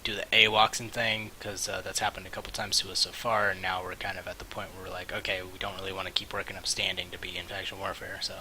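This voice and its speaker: A man giving casual, rambling and halting commentary on a game stream, with mouse clicking behind him. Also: low-pitched, flat delivery, pushed and bright, poor audio. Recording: hissy mic, faint background noise.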